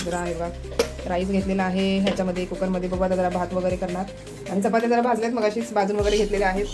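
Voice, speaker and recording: A woman's voice: mid-range voice, level tone, fast, music in the background. A woman vlogging at home, chatting casually and pointing things out to her viewers. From Maharashtra. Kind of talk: casual home vlog narration.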